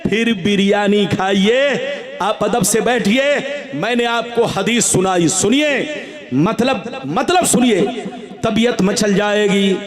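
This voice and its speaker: Male preacher, very high voice, slow booming sermon delivery, exhorting a live crowd. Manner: exhorting, calling on the crowd to respond loudly. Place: large religious gathering.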